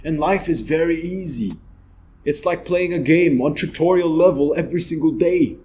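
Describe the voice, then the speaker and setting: A man's voice: on the high side, normal speed, darkish tone. A man from the Philippines, hosting a motivational vlog and giving earnest, big-brotherly advice. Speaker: channel host.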